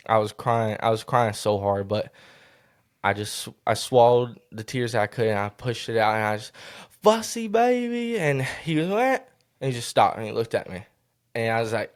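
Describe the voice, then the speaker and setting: Young male podcast guest, low-pitched, earnest, halting delivery with many restarts. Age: young adult. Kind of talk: emotional personal story in a podcast interview.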